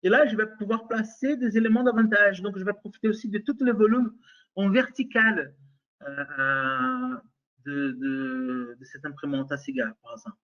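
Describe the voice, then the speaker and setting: This muffled clip has a man with a Brazilian accent presenting a software demo webinar in a high, animated voice at a moderate pace. He hesitates a lot, restarting and using fillers, and often checks on his listeners.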